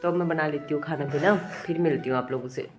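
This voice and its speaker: This young mother's voice is deep and darkish, and she talks quickly. She's doing a relaxed vlog chat at home, suffering from a bad headache while her child cries, and every so often she gives the child a fond scolding.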